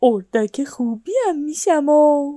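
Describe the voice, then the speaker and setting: A woman's voice: high-pitched, warm tone, no echo, close to an everyday voice. A woman voicing a grumpy, tired bear in a children's storybook, complaining and pleading.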